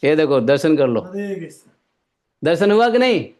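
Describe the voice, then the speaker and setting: A man's voice: a little high, big pitch swings, measured pace, darkish tone. A man giving a devotional discourse as a spiritual teacher, bantering and often asking his listeners rhetorical questions.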